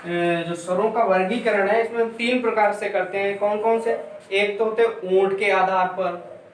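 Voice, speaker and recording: A male teacher with a high, steady voice gives an exam-prep lecture at a moderate pace, repeating points and drilling sounds aloud for his students. He is far from the mic in an echoey room, with faint background noise.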